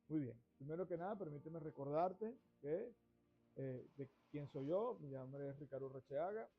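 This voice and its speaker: A man's voice: a little high, expressive, moderate pace, breathy edge. Discursive Venezuelan-born man, dull sound. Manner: discursive, repeats and restarts phrases. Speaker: finance show host. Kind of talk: monologue to camera. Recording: dull lo-fi sound with faint music.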